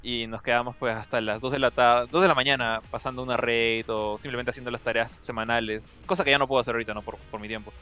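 Fast-talking Peruvian man with a bright voice. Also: mid-range voice, clear, resonant tone, highs cut off. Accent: Peruvian Spanish. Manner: rambling, many restarts, relaxed slang. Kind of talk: casual chat, storytelling.

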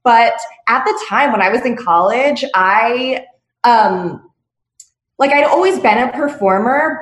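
A woman from Las Vegas, a dancer, talks with many pauses and fillers in a casual interview. She calls in over video from home, and the room around her echoes. Her pitch sits in a middle range. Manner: hesitant, many ums and likes. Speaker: dancer guest. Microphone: video call from home.

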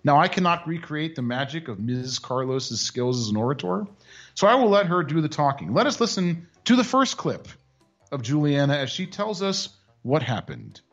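A man narrates a news story as a commentary host, wry and mocking. His voice sits a bit high and moves with lively swings of pitch. The audio is dull and lo-fi. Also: normal speed, faint music behind. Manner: dry, mocking asides. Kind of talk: sarcastic commentary.

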